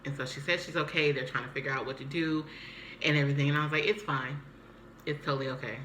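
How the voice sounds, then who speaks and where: A woman's voice: sits low, rapid-fire. A young woman vlogging, chatting casually as she tells a story and acts out the voices of the people in it. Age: young adult. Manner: animated, acts out quoted voices. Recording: echoey room, faint background hiss.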